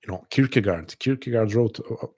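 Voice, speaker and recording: Here the man sounds mid-range and warm, slightly rough, at a normal speed. Hosting a live online call, he reflects aloud for his audience with earnest thoughtfulness, frequently circling back on words and starting phrases over.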